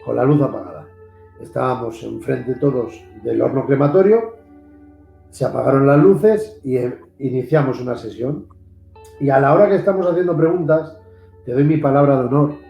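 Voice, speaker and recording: Gravelly Spanish-accented man telling a ghost story. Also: medium pitch, moderate pace, highs cut off. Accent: Spanish from Spain. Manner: earnest, repeats himself for emphasis, acts out the voices in his story. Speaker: paranormal investigator, host. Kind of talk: animated storytelling in a video interview. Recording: echoey room, faint guitar music behind.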